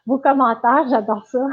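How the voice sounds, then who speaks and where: A woman with a Quebec French accent gives a casual live-stream lesson as a dog trainer, chatty and full of fillers and restarts. Her voice is high, steady in tone and a little slow, and the audio sounds tinny, like a phone.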